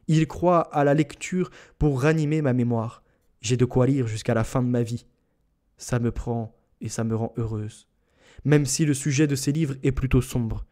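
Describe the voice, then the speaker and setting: A man reading a first-person literary narration aloud as an audiobook, in a measured, solemn and deliberate way. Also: mid-range voice, warm tone. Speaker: audiobook reader.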